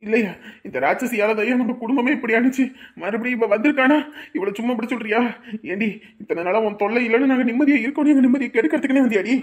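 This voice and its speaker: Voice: medium pitch, fast talker, natural voice. A voice actor plays an enraged, grieving elderly father-in-law. He barks scolding insults in a raised, harsh village voice. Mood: furious. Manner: shouting, scolding.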